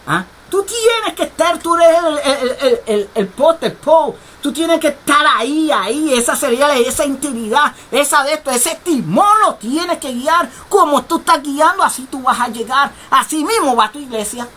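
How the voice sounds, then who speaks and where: A woman preaching a radio sermon, emphatic and repetitive with bursts of shouting. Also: high-pitched, expressive, normal speed, few pauses.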